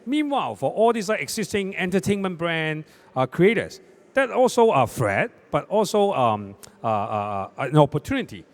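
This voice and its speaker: On a conference stage, a lively man from Hong Kong takes part in a panel discussion, his voice a little high and his speed normal. He's animated and likes to tag his statements with "right?"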